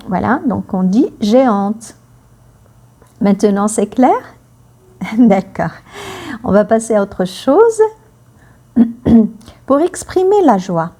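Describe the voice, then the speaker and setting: A woman teaching a French lesson, speaking slowly and clearly, repeating phrases for learners and acting out the emotions in her example sentences. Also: on the high side, dark tone.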